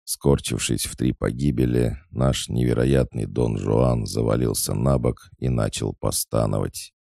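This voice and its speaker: A man narrating an audiobook in a steady, wry storytelling manner. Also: extremely low pitch, unhurried, gravelly, dry recording, clean studio sound. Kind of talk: scripted narration.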